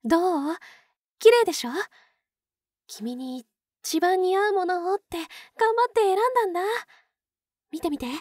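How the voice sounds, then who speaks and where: A woman's voice: very high-pitched, normal speed, no echo, studio quality. A woman playing an obsessive, possessive yandere captor in a Japanese ASMR role-play, cooing and coaxing as if to a pet. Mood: excited, affectionate. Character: obsessive yandere older-sister type, sweetly possessive captor.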